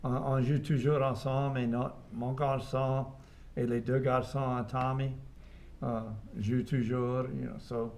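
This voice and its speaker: Older male guest, Cajun French accent, halting casual talk, mid-pitched, faint background noise. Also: level tone, darkish tone. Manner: halting, drops in English words. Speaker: guest, band musician. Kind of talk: casual chat.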